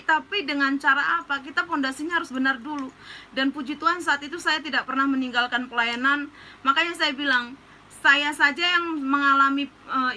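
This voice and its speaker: A woman pastor tells her testimony in a chatty way full of fillers, then urges her listeners earnestly. Her voice sits high and sounds very bright and forceful. Faint room ambience sits behind her. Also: slight background noise, rough recording. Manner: earnest, urgent exhortation. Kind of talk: sermon testimony.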